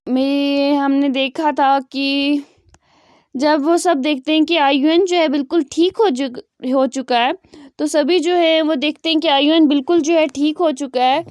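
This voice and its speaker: High-voiced woman retelling a story. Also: fairly even intonation, unhurried, a little mellow, no echo, clean studio sound. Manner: fillers, repeats "jo hai" a lot. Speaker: storyteller, channel host.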